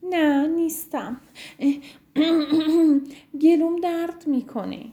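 A woman's voice: high voice, mellow, voice pushed up, close to an everyday voice. Zizi, a woman voicing a sick young giraffe. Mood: glum.

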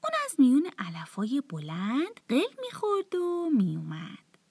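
A woman telling a bedtime story to children in a soft, often half-whispered, tender voice. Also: high-pitched, huge pitch swings, breathy edge, no room sound.

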